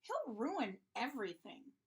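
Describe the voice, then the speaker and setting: A woman's voice: on the high side, huge pitch swings, measured pace, slightly rough, exaggerated voice. A woman voicing Rita, a sensible young female remora fish, in a fussy, worried storybook voice. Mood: grumbling.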